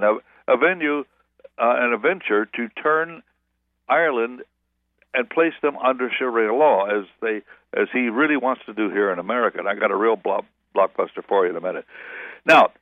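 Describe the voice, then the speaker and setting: A man's voice: mid-range voice, no room sound. A man, a pastor as guest, talking in a rambling, self-correcting way in a radio interview by phone. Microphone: telephone. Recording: tinny, dry phone line.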